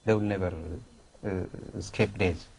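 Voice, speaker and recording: A man with an Ethiopian accent answering questions in an on-location interview, speaking haltingly and repeating himself. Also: on the low side, level tone, creaky, a crowd in the background. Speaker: crocodile ranch manager being interviewed.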